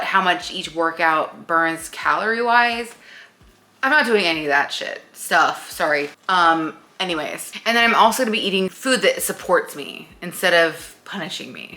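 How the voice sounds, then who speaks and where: A woman's voice: on the low side, bright, forceful tone. A woman in her late thirties, chatting casually at home as a vlogger, rambling with many fillers. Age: late 30s. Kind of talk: casual chat.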